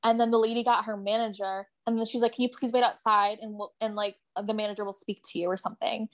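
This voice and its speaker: A woman's voice: mid-range voice, level tone, fast, darkish tone. A young woman co-hosting a podcast, telling a story in casual chat with lots of filler words. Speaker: podcast co-host.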